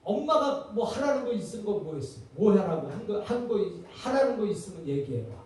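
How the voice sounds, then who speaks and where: A man's voice: high-pitched, big pitch swings, brisk, a little mellow. A man giving a lecture on parenting, talking conversationally and quizzing his listeners with rhetorical questions. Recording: echoey hall from far off.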